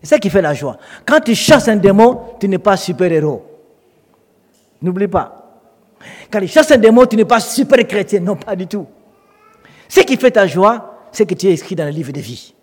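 High-voiced preacher in a reverberant hall. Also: male voice, normal speed, pauses often, breathy edge. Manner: animated storytelling, acts out quoted voices. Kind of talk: sermon.

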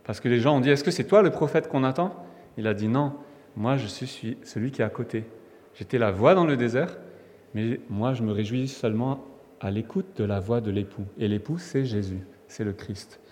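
A man's voice: mid-range voice, moderate pace, a little mellow. A man from France preaching a sermon in a conversational, emphatic way, with restarts and fillers. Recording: long hall reverb.

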